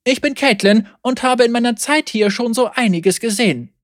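A woman voicing a stern, cool-headed female sheriff, talking calmly in a mocking, coldly threatening tone, raised a little above her own pitch. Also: moderate pace, dry recording, clean studio sound, natural voice.

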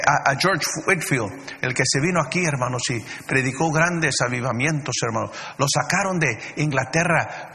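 A man's voice: medium pitch, sharp tone. A man preaching a fervent sermon, constantly calling out to the brethren with many fillers and restarts. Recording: long hall reverb.

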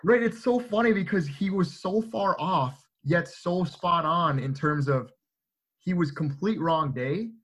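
Bright-voiced young man telling a story. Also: high-pitched, a little slow, breathy edge. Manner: animated, filler-heavy, checks in with "right?". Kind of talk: casual storytelling among friends.

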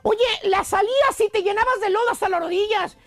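A man's voice: extremely high pitch, a little fast, creaky, a bit bright, dry recording. A Mexican man hosting a comic radio show, telling a teasing story with lots of exclamations. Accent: Mexican Spanish.

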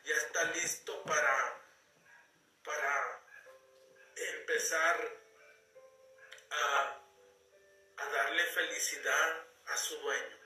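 A man, talking casually about a self-help book in a halting, folksy storytelling way, repeating words as he goes. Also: a little high, sharp tone. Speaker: book commentator. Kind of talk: casual spoken commentary on a self-help book, reading passages aloud. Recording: echoey room, voice a bit far from mic, faint music behind.

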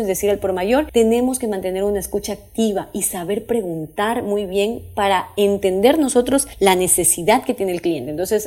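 Warm-voiced woman giving business tips. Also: medium pitch. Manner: conversational, with frequent fillers and tag questions; restarts sentences and corrects herself mid-phrase. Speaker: customer service trainer. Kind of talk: informal teaching talk to viewers.

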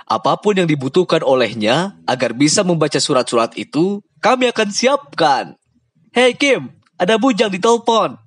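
A man voicing a friendly, easygoing loyal man who talks cheerfully and a little loudly. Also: fairly high pitch, very animated, normal speed, breathy edge, dry recording, clean studio sound, voice pushed up.

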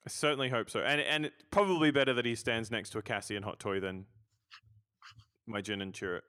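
A man's voice: mid-range voice, a little fast, pushed and bright, clean tone, dry recording, clean studio sound. A man hosting a casual podcast interview, often stammering and repeating words as he talks. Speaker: podcast host.

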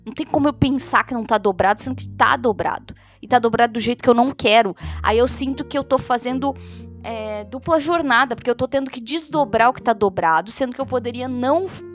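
Young woman rambling through a podcast, lots of "tipo" fillers, faint music behind. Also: a little high. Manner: chatty, animated retelling with many fillers. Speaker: podcast host. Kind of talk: casual solo podcast chat.

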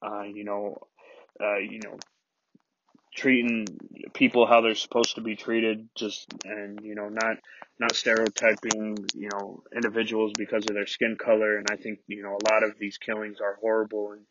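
A podcast host recording a halting solo apology inside a closet, full of "you know" fillers and restarts. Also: male voice, fairly low pitch, monotone, dull audio, background noise.

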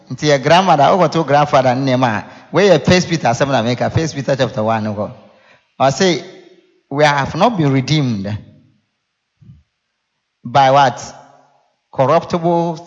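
A man's voice: medium pitch, moderate pace, long pauses, lo-fi sound. Ghanaian male preacher in an echoing hall. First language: Akan (Twi). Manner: conversational teaching with rhetorical questions and repeated phrases. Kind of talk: sermon teaching, mixing explanation with scripture and storytelling. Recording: echoey hall with long reverb.

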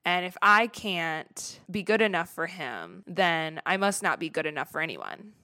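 A woman's voice: on the low side, big pitch swings, measured pace, pushed and bright, dry recording, studio quality. A young woman, hosting a podcast and talking candidly about her fears, chatty, confessional and casual with swearing. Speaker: podcast host. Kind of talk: candid solo podcast talk.

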